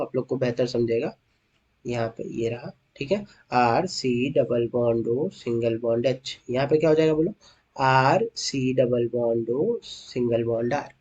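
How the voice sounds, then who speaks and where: A young man teaching chemistry in an online lecture, coaxing his students with questions and slowing down to spell out each formula. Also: a little high, dull audio. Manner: coaxing students with questions, calls them beta. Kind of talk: online lecture, explaining at a board.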